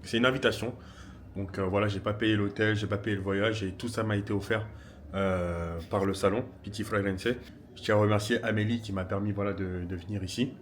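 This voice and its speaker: A man's voice: fairly low pitch, steady tone, brisk. A man casually vlogging on a trip, chatty and enthusiastic, with plenty of fillers. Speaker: vlogger, influencer. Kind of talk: casual travel vlog, talking to camera. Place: hotel room and city streets. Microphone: handheld camera. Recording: noisy outdoor street ambience.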